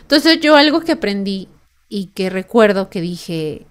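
A woman's voice: mid-range voice, big pitch swings, measured pace. A young woman with a Mexican accent hosting a podcast, telling a personal story in a chatty way with lots of fillers and tag questions. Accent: Mexican Spanish. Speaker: podcast host.

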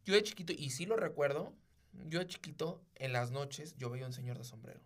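A Mexican man in casual podcast chat, reacting with quick slangy remarks. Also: on the high side, lively intonation. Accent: Mexican Spanish. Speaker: podcast co-host.

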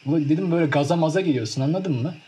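Hızlı konuşan, canlı anlatan genç adam. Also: male voice, fairly high pitch, racing. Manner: animated storytelling, acts out scenes with mimicked sounds. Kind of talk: casual chat.

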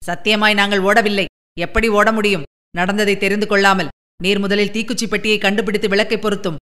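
Woman doing a fast blustering city man. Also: mid-range voice, little pitch movement, a bit bright, close to an everyday voice. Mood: anxious.

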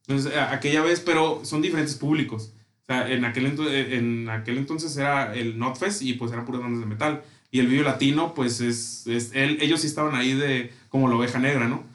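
A man's voice: mid-range voice, brisk, a bit bright, roomy sound. A man with a Mexican accent telling concert stories in casual, slang-heavy chat. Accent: Mexican Spanish. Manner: enthusiastic, slangy storytelling.

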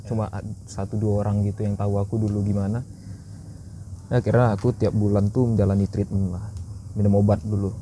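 Casual guest, male, low voice, open storyteller, noisy room. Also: flat delivery, a little fast, mellow. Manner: candid, chatty storytelling. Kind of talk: casual podcast chat. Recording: noisy background.

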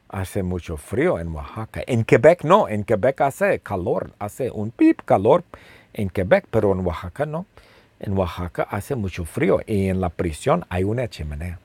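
A man telling a simple story slowly and playfully, repeating phrases and asking the listener questions. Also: fairly low pitch, darkish tone, husky, dry recording. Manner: playful, with sound effects. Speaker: storyteller for language learners. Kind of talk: slow, simple storytelling with lots of repetition.

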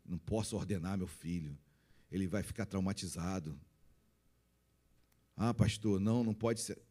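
A man's voice: low-pitched, normal speed, warm tone, voice pushed down. A man voicing a worried churchgoer who pleads hesitantly with the pastor. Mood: fretful.

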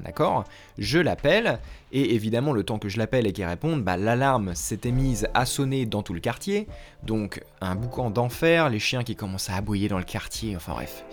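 A young French man telling a story in a casual, slangy way, acting out the lines he quotes. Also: mid-range voice. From France. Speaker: language vlogger.

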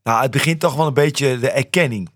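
A man guesting on a radio show tells stories in a relaxed, easygoing way. His voice sits at an ordinary middle pitch and sounds dry and close to the mic. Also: fairly quick, dry recording. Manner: relaxed storytelling. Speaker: guest musician. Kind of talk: casual radio interview.

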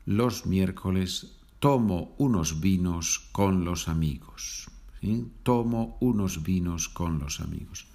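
A man hosting a podcast lesson, patiently explaining Spanish phrases in English and repeating them slowly. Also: deep voice, warm tone. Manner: slow, patient, explains with small laughs and repeats. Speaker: Spanish teacher, podcast host. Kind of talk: slow bilingual language lesson.

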